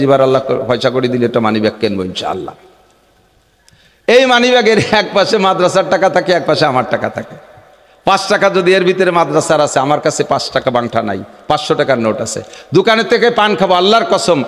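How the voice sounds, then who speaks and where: A man from the area preaching a humorous sermon, swinging between low confiding asides and loud shouted declamation. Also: big-room sound.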